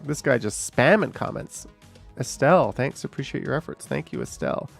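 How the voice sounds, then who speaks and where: Gravelly-voiced man reading chat comments. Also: medium pitch, huge pitch swings, moderate pace, soft background music. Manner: chatty, dry asides while reading comments aloud. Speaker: YouTube streamer reading viewer comments. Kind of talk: casual live-stream chat.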